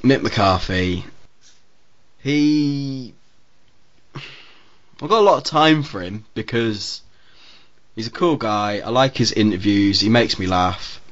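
A man's voice: fairly low pitch, takes it slowly, pauses often. A man hosting a podcast, chatting casually and airing his opinions with easy laughter. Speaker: podcast host. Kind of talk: casual chat. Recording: dull lo-fi podcast audio.

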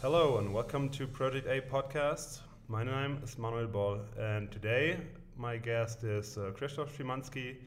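A man's voice: medium pitch, moderate pace, few pauses, slight background noise. A man hosting a podcast, asking his guest questions in an easygoing, hesitant way. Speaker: podcast host. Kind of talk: casual interview hosting.

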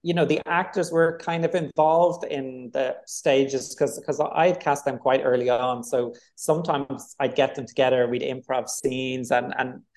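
A man's voice: mid-range voice, unhurried, hardly any pauses. A man with a Dublin accent, a film director talking casually in an interview, rambling with lots of fillers. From Ireland. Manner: rambling, relaxed, many fillers.

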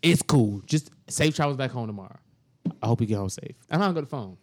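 A man's voice: mid-range voice, animated, fast talker. A man on a casual podcast telling a story, acting out both sides of it with lots of drama.

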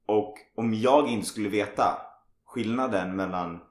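A man hosting a podcast in casual conversation, telling stories animatedly and acting out what others say. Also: lowish voice. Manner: animated storytelling, acts out others' remarks. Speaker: podcast host. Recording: roomy echo.

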